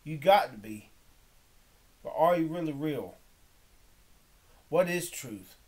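A man's voice: fairly high pitch, expressive, slow pace, darkish tone. A man giving impassioned off-the-cuff commentary on a documentary, preachy and confrontational, reading scripture aloud. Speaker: video critic reacting to a documentary.

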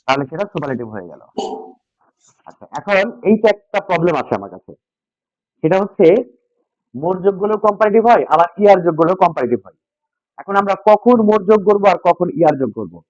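A man's voice: high voice, sing-song, fast talker, long pauses, darkish tone, no echo. Man teaching grammar, quizzing his class. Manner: repeats key points, quizzes students with questions. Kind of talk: classroom lesson with call-and-response. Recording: dull, dry lo-fi sound.

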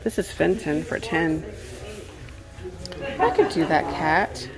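Poor audio from a handheld phone or camera captures a woman vlogger, an antiques reseller, half talking to herself while shopping a house and garage at estate sales. Her voice sits low, swings widely in pitch and moves slowly.

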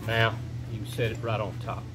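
Background music plays under this noisy recording of a brisk man with a lowish voice and little pitch movement. He's a middle-aged shop owner in his indoor workshop, casually walking through a repair step by step with plain, folksy phrasing.

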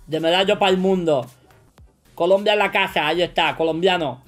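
Excitable man with a Spain Spanish accent. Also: sits high, moderate pace, soft background music. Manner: excitable, joking, boastful, bursts into shouts. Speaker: streamer playing a quiz. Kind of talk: casual gaming commentary.

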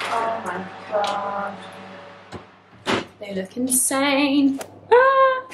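A chatty woman in her twenties vlogs to a close handheld camera, her slightly high voice bouncing with upbeat exclamations. Her home kitchen gives the sound a roomy echo, with a faint hiss behind her. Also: big pitch swings, very slow, pauses often. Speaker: vlogger. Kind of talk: casual chat to camera.

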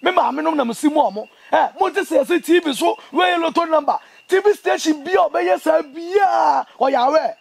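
A young Ghanaian man giving an impassioned interview, speaking in an emphatic, indignant and animated way. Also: extremely high pitch, a little fast, gravelly, few pauses, dry recording. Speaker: interview guest, traditional priest. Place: outdoors among trees.

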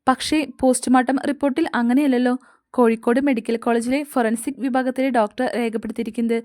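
Woman reading a demanding young woman, cold, pressing, fairly high voice, audio story. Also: fairly even intonation, quick pace, darkish tone, dry recording, clean studio sound, lightly acted. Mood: accusing.

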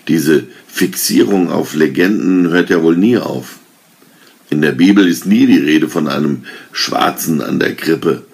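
A man's voice: rumbling low, unhurried, vocal fry, darkish tone, full character voice. A man voicing a bitter, scornful man who mutters to himself in a storybook reading.

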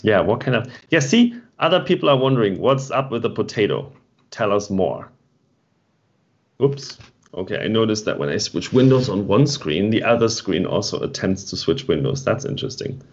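A man's voice: fairly low pitch, animated, moderate pace. A man co-hosting an online meetup stream, chatting casually and rambling as he reads and answers the chat. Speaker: meetup co-host. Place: home. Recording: dull lo-fi stream audio.

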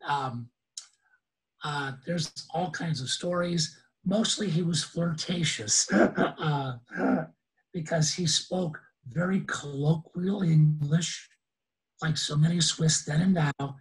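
A man's voice: fairly high pitch, slow pace, poor audio. A man in his sixties, an enthusiastic guest speaker who laughs often, talking on a video call. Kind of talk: casual webinar talk.

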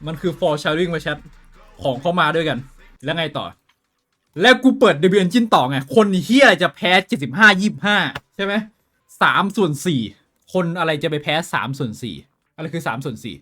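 Excitable foul-mouthed streamer guy. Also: fairly high pitch, normal speed, faint music behind. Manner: excitable, profane, chatty with viewers; switches between shouting and muttering. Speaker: game streamer. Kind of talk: casual live-stream commentary.

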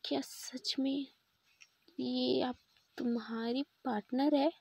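A woman voicing a flustered, doubting female major who speaks hesitantly and softly. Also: high-pitched, steady tone, slow pace, gravelly, breathy edge, dry recording, exaggerated voice.

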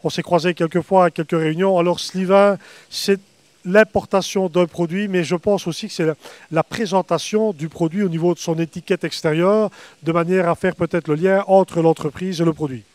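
A man's voice: sits high, steady tone, moderate pace, darkish tone, no room sound. Upbeat middle-aged male presenter. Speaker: interviewer. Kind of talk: event interview. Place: outdoors on a lawn at an evening reception. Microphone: handheld microphone.

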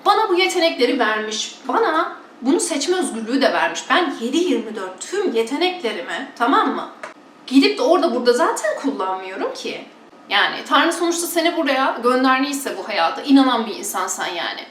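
A woman's voice: high-pitched, sing-song, brisk, fairly bright tone, roomy sound, recorded from a distance, slight background noise. A woman from Turkey chatting casually and bluntly to her followers, mocking preachers with exaggerated imitations. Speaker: vlogger.

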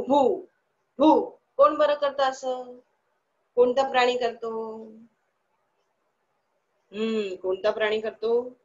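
A woman's voice: fairly high pitch, highs cut off. A woman teaching young children in an online class, asking the class questions and answering them herself in a sing-song, coaxing way.

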